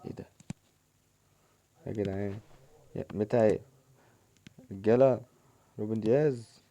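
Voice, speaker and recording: A young man with an Egyptian Arabic accent, commenting casually on his own football video game match and shouting at the players in excited bursts. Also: lowish voice, moderate pace. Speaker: gaming channel host.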